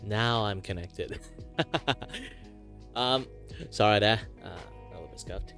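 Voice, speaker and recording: A man's voice: on the low side, slow pace, gravelly, fairly bright tone. A man hosting a livestream in casual chat, rambling and hesitant with a self-deprecating manner. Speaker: livestream host, virtual streamer. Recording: music playing behind the voice. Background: background music with guitar.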